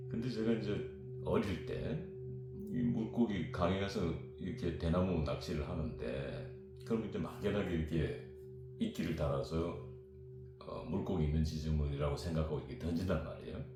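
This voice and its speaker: A man in his fifties, from South Korea, tells stories in a rambling, animated way. His voice sits low. The room is very echoey, with music playing behind him. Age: 50s. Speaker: guest. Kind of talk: storytelling chat.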